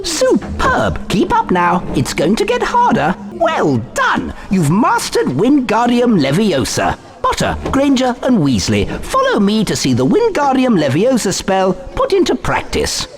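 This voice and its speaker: A man voicing an excitable, fussy little wizard professor in a video game, theatrical and encouraging. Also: very high voice, measured pace, heavily acted. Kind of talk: scripted video game instruction. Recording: music behind game dialogue.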